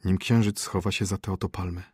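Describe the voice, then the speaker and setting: A man voicing a grave old court physician who speaks softly and sorrowfully, close to a whisper. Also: deep voice, fairly even intonation, fairly quick, breathy edge, dry recording. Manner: soft, grave, near whisper.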